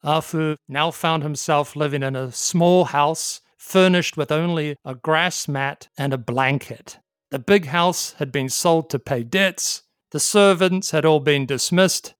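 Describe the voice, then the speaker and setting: A storyteller narrating a folk tale at a steady, measured pace, with a mid-range voice. They sometimes pause to explain the background. The recording is dry and close. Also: medium pitch, smooth, dry recording.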